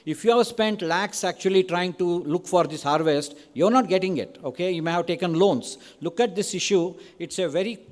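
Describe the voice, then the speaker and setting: A man's voice: sits high, normal speed, few pauses. A man with an Indian accent giving an informal podium speech in a large hall, conversational and often checking in with his listeners. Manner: conversational, frequent "right?" and "okay?" check-ins. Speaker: conference speaker. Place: large indoor event hall, on stage. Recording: long reverberant hall sound.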